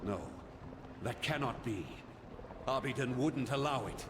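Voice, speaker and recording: An actor playing a grave, aggrieved old ghost in a video game, with a tired old voice and a solemn, reproachful manner. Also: male voice, medium pitch, measured pace, lightly acted. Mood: weary, grieving. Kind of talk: dramatic video game acting. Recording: echoing cavernous reverb, clear background noise.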